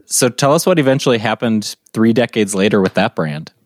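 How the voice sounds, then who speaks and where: A man interviewing a guest, asking halting questions with restarts. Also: fairly low pitch, no echo, clean studio sound.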